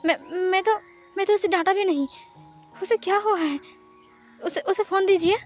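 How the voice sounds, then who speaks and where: A frantic young man, put on by a woman storyteller, trips over his words, stammering and repeating himself in a high, lively voice. Faint music plays behind. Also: moderate pace. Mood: panicked. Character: panicked young man pleading innocence.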